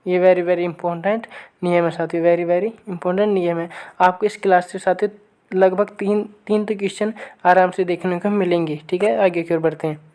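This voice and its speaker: A woman's voice: on the low side, steady tone, dark tone. Woman teacher quizzing her online class. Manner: keeps asking viewers for answers; repeats questions and reads sample sentences slowly. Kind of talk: online exam-prep lesson.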